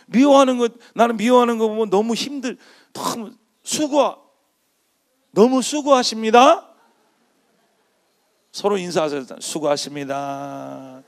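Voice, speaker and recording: A middle-aged man, a pastor, preaching a sermon in a church, shifting from quiet storytelling to loud shouted calls. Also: high-pitched, gravelly. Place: church sanctuary.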